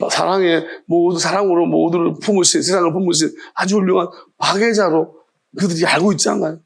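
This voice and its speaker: A man's voice: high voice, fairly even intonation, brisk, gravelly, husky. A male pastor preaching a sermon, firing off challenging rhetorical questions in a scolding tone.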